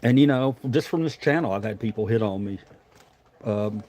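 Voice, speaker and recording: A man's voice: lowish voice, moderate pace, background noise. A man chatting casually as a livestream host, talking around a dip of tobacco in his lip, rambling and informal with some swearing.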